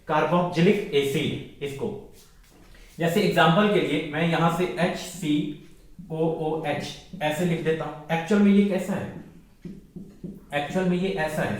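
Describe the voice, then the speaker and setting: A man teaching a chemistry class, explaining step by step, repeating key terms and checking that his students have understood. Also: fairly high pitch. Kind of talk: classroom lecture. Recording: very echoey room.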